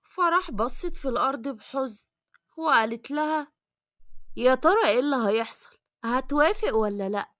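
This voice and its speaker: A woman's voice: high voice, lively intonation, moderate pace, pauses often, fairly bright tone, dry recording, clean studio sound. A woman with an Egyptian accent narrating a comic romance story for a cartoon channel. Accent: Egyptian Arabic. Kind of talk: scripted narration.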